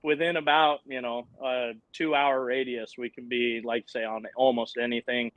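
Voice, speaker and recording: A man's voice: medium pitch, little pitch movement, moderate pace, no echo, narrow, tinny audio. A man in his thirties, a guest on a live show, talking about his off-road trips in an upbeat way and laughing easily. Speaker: guest, off-road channel owner. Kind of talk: casual interview chat.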